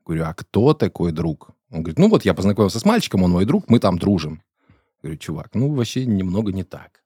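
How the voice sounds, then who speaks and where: A man around forty hosts a studio podcast in a deep, husky voice. He talks bluntly and jokes with crude slang. The sound is dry and close. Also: big pitch swings, fast talker, mellow, no echo. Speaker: podcast host. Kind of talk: casual studio podcast chat.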